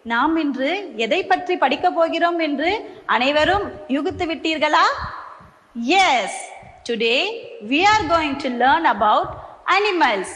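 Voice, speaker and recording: A woman teacher with a Tamil accent, giving a slow bilingual lesson to young children and repeating each line in two languages. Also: sits high, expressive, fairly bright tone, big-room sound. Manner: slow, sing-song questions, repeats each line in English then Tamil.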